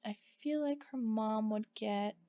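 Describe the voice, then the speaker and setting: A woman's voice: a little high, unhurried. A woman chatting casually as she narrates a life-sim game, rambling with frequent asides to her viewers. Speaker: let's play gamer. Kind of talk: casual gameplay commentary. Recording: dull lo-fi recording.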